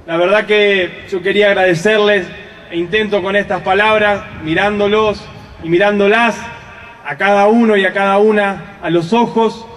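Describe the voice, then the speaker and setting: A man's voice: high-pitched, fairly even intonation, moderate pace, pauses often. A man in his thirties with an Argentine accent giving a rousing victory speech from an outdoor stage, stacking phrases in rhythmic lists. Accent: Argentine Spanish. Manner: rousing, rhythmic listing, building to shouted thanks. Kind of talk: rally speech. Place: outdoor stage at a night rally. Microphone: stand mic, filmed from a distance. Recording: distant crowd-noise live rally recording. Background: cheering crowd.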